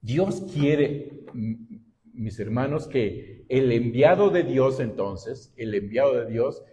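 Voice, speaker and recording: Un hombre que es pastor y predica un sermón en una iglesia, con un ritmo pausado y preguntando a menudo "¿verdad?". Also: male voice, medium pitch, dark tone. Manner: slow and deliberate, often adding "¿verdad?". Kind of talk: sermon. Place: church.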